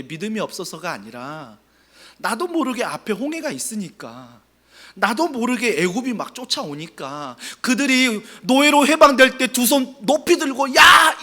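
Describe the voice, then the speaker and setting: A man preaching a Sunday sermon in a church, his delivery swinging from soft and low to loud and emphatic. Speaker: pastor. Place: church sanctuary.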